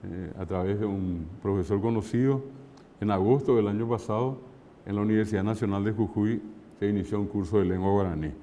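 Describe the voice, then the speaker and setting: A man from Paraguay giving an unhurried online lecture as a language teacher, often slipping in Guaraní phrases and checking in with "¿verdad?". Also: lowish voice, mellow, long reverb tail, slight background noise. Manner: unhurried, lists places, mixes in Guaraní phrases, asks "¿verdad?".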